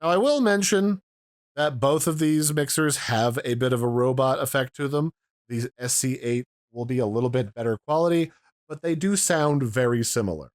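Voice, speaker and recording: A man's voice: medium pitch, moderate pace, dry recording, clean studio sound. A man giving a casual, explanatory demo of audio mixers, pointing out their controls, recorded at home. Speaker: tech reviewer. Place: home room.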